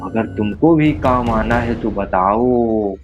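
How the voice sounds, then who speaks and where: A man voicing a frail old village grandmother who talks slowly and sweetly, in a told horror story. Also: on the low side, a little mellow, highs cut off, faint music behind, natural voice. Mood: sinister.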